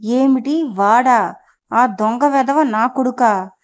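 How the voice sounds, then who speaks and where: Audio novel: woman voicing a fierce proud housewife, scolding and confrontational, high-pitched, lo-fi. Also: takes it slowly. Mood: angry. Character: furious middle-aged wife, sharp-tongued, proud.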